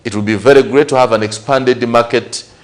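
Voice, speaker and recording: Talking a little fast in a steady, mid-range voice, this man from Uganda hosts a news show with a Ugandan English accent. He chats through current affairs, asking rhetorical questions and running through his points in lists and repetitions.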